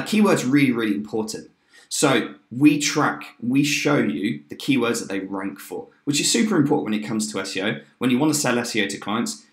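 A man in his thirties giving an upbeat, chatty screen-share walkthrough of a software tool, with fillers and quick restarts. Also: on the low side. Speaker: software demo presenter. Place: indoor room, webcam in corner of screen share. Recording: roomy echo.

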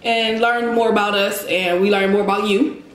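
A woman's voice: medium pitch, fairly even intonation, normal speed. A woman in her thirties talking casually while eating a meal. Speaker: co-host of mukbang video. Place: indoor room at a table, eating. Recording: echoey room, faint noise.

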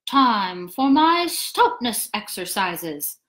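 A woman voicing a gentle, simple-minded male teddy bear who talks slowly and sings in a ponderous way. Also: medium pitch, very animated, echoey room.

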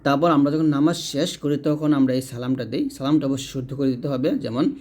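A man's voice: medium pitch, a little fast, darkish tone. A man teaching how to pronounce the words of prayer, explaining patiently and drawing out words to demonstrate them. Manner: repeats and corrects, addressing the listener directly. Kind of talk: instructional explanation.

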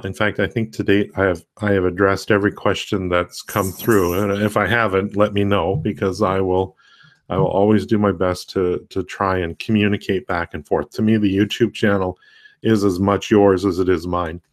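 A man hosting a casual tutorial livestream, talking in a rambling, halting way with many fillers and restarts. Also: low voice, little pitch movement. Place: home desk with a laptop.

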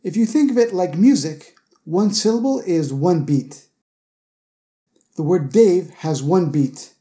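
A man narrating a scripted English pronunciation lesson as a teacher, sounding out example words slowly and carefully. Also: high voice, warm tone.

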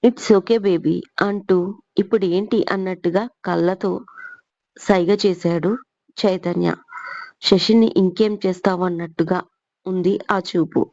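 A woman's voice: fairly low pitch, steady tone, measured pace, long pauses, darkish tone, dry recording. A woman narrating a romance story as the channel's storyteller, voicing each character's lines in her own voice with only small shifts. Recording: dull lo-fi dry recording.

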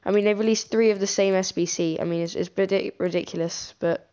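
A woman giving casual pack-opening commentary, excitable and quick to get nervous. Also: medium pitch, clear, resonant tone. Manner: excitable, easily scared. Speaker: gaming channel co-host.

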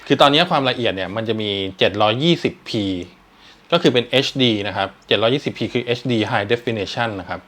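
A man's voice: mid-range voice, fairly bright tone. Chatty man reviewing a webcam. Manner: explains step by step, chatty with fillers. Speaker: tech reviewer. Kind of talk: casual product review.

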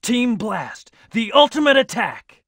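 A man's voice: very high voice, big pitch swings, slow pace, a bit bright, dry recording, studio quality, heavily acted. An actor playing a brooding, aloof hedgehog antihero in a video game, terse, serious and commanding as he leads his team. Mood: urgent, commanding. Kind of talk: English video game voice acting, short battle callouts.

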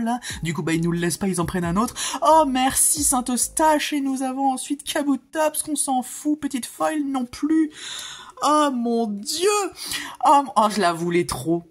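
A man chatting casually to viewers as he opens card packs, easily excited. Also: on the high side. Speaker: card-opening video host. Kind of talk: casual chat while opening card packs.

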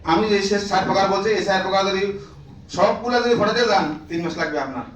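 A man's voice: high voice, fast talker, fairly bright tone, reverberant, recorded from a distance, slight background noise, poor audio. A man training teachers in a classroom lecture, drilling the room with repeated questions and prodding listeners to answer.

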